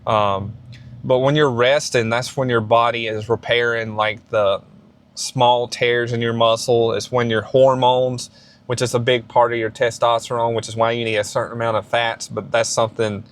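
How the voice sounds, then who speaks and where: A man in his late thirties talks straight to the camera for his fitness channel. His voice sits at an ordinary middle pitch. He rambles and restarts often, but keeps pushing an encouraging message. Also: level tone, moderate pace. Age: 30s. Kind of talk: casual advice vlog.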